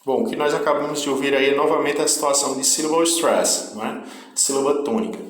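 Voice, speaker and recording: A man's voice: mid-range voice, fast. A man teaching an English lesson in a chatty way, often checking in with his students. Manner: chatty, peppered with tag questions. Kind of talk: casual video lesson. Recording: echoey room.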